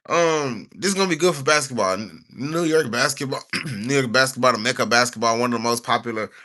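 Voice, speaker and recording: A man's voice: mid-range voice, bright, forceful tone. A young man from the United States, talking casually on a livestream. He rambles in slang and sometimes reads stiffly from notes.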